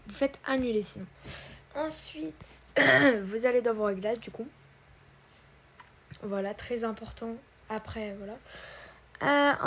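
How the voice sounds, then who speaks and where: A woman with a voice on the high side and a breathy edge hosts a casual screen-recorded tutorial. She talks hesitantly, full of fillers and restarts, and calls her viewers "guys" and "brothers."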